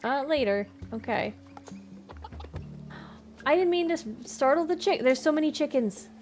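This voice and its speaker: A woman's voice: high voice, animated, normal speed, a little mellow, soft background music. A woman streaming a game live, chatting in a giggly, apologetic way.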